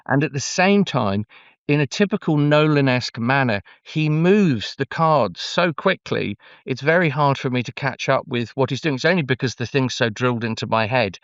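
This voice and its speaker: Male oral storyteller, conversational commentary, expressive drawn-out emphasis, dry close sound, slightly dull audio. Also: mid-range voice, dry recording. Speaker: oral storyteller, interview guest.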